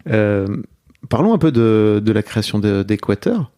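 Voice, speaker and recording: A man hosting a podcast, asking relaxed, meandering questions in a casual interview. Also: lowish voice, moderate pace. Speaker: podcast host.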